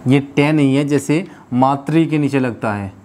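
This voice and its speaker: A man's voice: mid-range voice, normal speed, darkish tone, slight background noise. A man teaching a lesson, explaining step by step, repeating key terms and correcting himself along the way. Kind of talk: classroom lesson.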